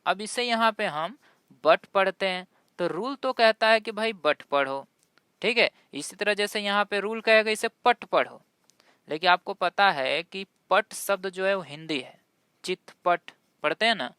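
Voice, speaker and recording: A male teacher going slowly through a pronunciation lesson, spelling words out letter by letter and checking in with his listeners as he goes. His voice is bright and crisp. The recording is close and dry, with no room sound. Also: high-pitched, no room sound. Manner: spells words letter by letter, then says them. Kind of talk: explanatory lesson.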